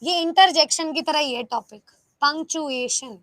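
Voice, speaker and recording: Young female teacher for an online class: high, bright voice, dry close mic, lively and coaxing, keeps asking the class questions. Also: normal speed, dry recording. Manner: lively, coaxing, asks students rhetorical questions. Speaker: online exam-prep teacher. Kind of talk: live online class, Hindi mixed with English.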